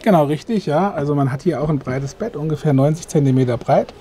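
A man's voice: quick pace, warm tone, slight background noise. A middle-aged man, a sales manager, walking an interviewer through a camper van with lots of ähm fillers, recorded close inside the van at a trade fair. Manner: pitching, filler-heavy with frequent ähm. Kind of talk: product walkthrough.

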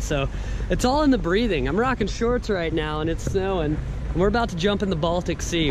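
A young man with a slightly high voice chats casually to a camera held at arm's length. He is upbeat and enthusiastic, using plenty of slang. Clear background noise runs behind him on the action-camera sound. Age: young adult. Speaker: vlogger and skateboarder. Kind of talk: casual vlog talk to camera.

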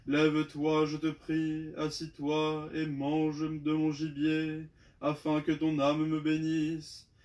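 Worried young deceiver, read by a man in a slow, even scripture voice. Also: on the high side. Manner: flat, measured liturgical reading.

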